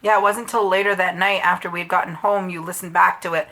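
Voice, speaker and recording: Female podcast co-host from New England, low-ish voice, earnest and emphatic. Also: steady tone, fast, fairly bright tone. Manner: earnest, emphatic about details. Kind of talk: casual chat.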